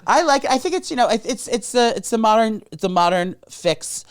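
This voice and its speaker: A man chatting casually as a guest, telling animated stories full of restarts. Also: very high voice, a little fast, clean tone. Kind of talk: casual chat.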